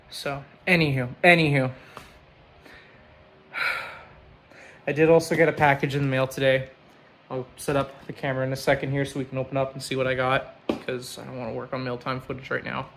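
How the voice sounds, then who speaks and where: A man's voice: medium pitch, a little hiss or hum. Candid, rambling young man vlogging. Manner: candid and rambling, with frequent swearing and sighs. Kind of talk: casual confessional vlog.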